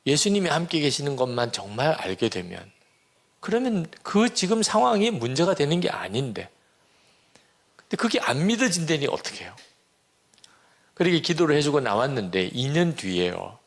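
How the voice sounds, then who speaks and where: Pastor in his sixties, male, gravelly, earnest storyteller preaching a testimony. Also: on the high side, big pitch swings, normal speed. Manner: earnest storytelling, acts out quoted prayers and dialogue. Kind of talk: sermon testimony.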